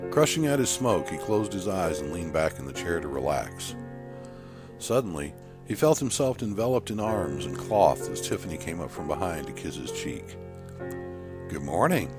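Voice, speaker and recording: A man reading a spooky short story aloud, in an expressive storytelling way. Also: deep voice. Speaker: narrator. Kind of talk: storytelling narration. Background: faint background music.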